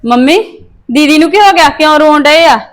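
A woman's voice: high-pitched, expressive, moderate pace. A woman playing a sister-in-law who gossips and exclaims. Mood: gossipy. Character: sharp-tongued sister-in-law. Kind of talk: family drama acting.

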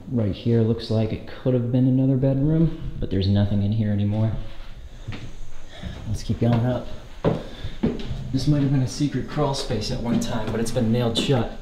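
A young man vlogs casually while exploring an abandoned house, excitedly narrating a walkthrough to viewers in slangy speech on a handheld action camera. His voice is mid-range, and the large, empty rooms echo amid noisy background sound.

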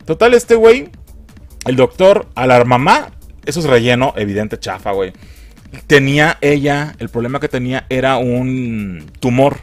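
Young Mexican man, film reviewer, crude mocking recap, very lively pitch, faint music bed. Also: moderate pace. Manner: crude, mocking slang, lively put-on character voices.

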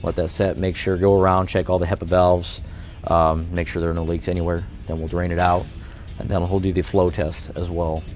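A man giving a practical, steady walkthrough of a factory's inspection process, with a lapel mic in a large indoor factory. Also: deep voice, a little fast, soft background music. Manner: practical, steady explaining with fillers. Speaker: plant quality manager. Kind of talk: factory tour explanation.

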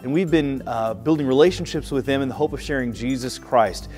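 A man's voice: medium pitch, a little fast, a little mellow, soft background music. A man in his thirties, a pastor giving earnest, upbeat narration for a church video. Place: indoor room, seated.

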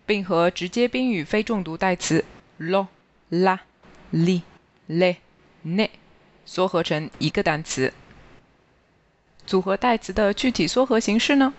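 Even-voiced teacher reading a grammar lesson, lo-fi. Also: mid-range voice. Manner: slow, even, careful reading of word lists. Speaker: language teacher. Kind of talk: scripted grammar lesson narration.

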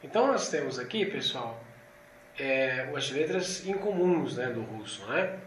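A man's voice: medium pitch, lively intonation, a little slow, a little hiss or hum. A man teaching a language lesson, who patiently repeats each sound several times and often checks in with tag questions. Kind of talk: explaining Russian letters, slowly repeating sounds. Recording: echoey room with faint ambience.

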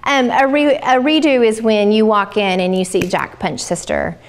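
A woman's voice: medium pitch, moderate pace. A middle-aged woman, a child development specialist giving a chatty parenting workshop to a live group. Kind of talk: informal workshop talk. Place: room with a live audience.

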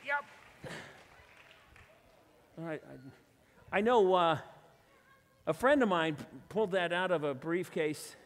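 A man running a stage illusion act, talking to a volunteer in a relaxed, self-mocking way. His voice sits a bit high, and it rings with the long reverb of a church hall. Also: measured pace, pauses often, a little hiss or hum. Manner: chatty, self-deprecating, playful asides. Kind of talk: live magic show patter with audience volunteer. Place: church hall before a live audience.

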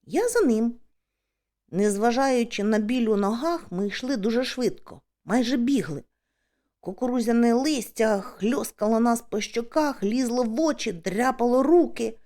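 Expressive woman reading an audiobook. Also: a little high, unhurried. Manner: expressive, dramatic storytelling. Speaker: audiobook narrator. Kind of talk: first-person audiobook narration.

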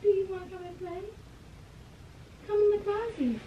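A woman's voice: extremely high pitch, normal speed, highs cut off. A woman voicing an eerie, childlike ghost girl with a singsong, taunting delivery, played through a speaker. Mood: eerie coaxing. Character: creepy little ghost girl luring someone to play. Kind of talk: creepy horror taunting. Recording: noisy echoey room, far from mic.

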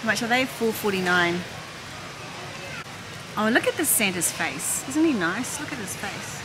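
A woman's voice: medium pitch, animated, a little slow. A middle-aged woman, chatting as she browses and films a shopping vlog on a handheld phone. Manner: chatty, thinking aloud while browsing. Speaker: vlogger. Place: busy warehouse store. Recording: loud store noise behind.

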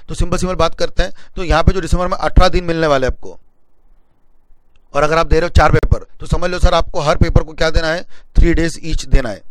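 A man's voice: on the high side, no echo, low-quality recording. A young man giving an exam-planning lecture as a coaching teacher, switching between Hindi and English and repeatedly checking in with his listeners. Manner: mixes Hindi and English, addresses viewers as sir, repeats "ठीक है ना?".

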